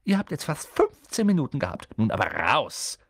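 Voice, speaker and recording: A man's voice: on the high side, wildly swooping pitch, darkish tone, dry recording, studio quality, voice pushed up. A man doing a strict fussy school nurse. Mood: brisk. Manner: brisk, firm, pointed. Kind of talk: audiobook character voice.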